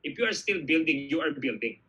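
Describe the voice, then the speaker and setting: Energetic Filipino man telling a story. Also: fairly high pitch, fairly quick, husky, rough recording. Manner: energetic, animated storytelling, frequent "okay?" check-ins. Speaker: business speaker answering audience questions. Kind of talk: motivational Q&A talk.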